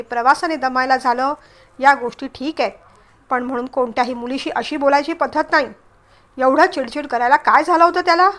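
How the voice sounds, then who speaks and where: A strict, quick-tempered old head of the family, put on by a woman narrator in a storybook reading. He speaks slowly, pressing hard on each word. The voice stays high and light. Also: fairly bright tone.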